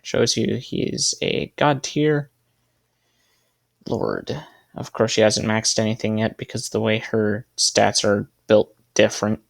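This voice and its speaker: A man's voice: fairly low pitch, slow pace, vocal fry. A man giving casual gameplay commentary, thinking aloud as he sets up a team and correcting himself as he goes. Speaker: gaming video creator.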